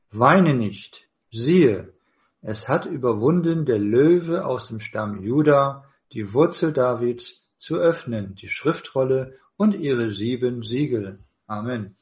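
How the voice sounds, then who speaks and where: A man reading a scripture passage aloud in a solemn, measured way. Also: mid-range voice, expressive, muffled recording. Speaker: scripture reader. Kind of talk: slow solemn Bible reading.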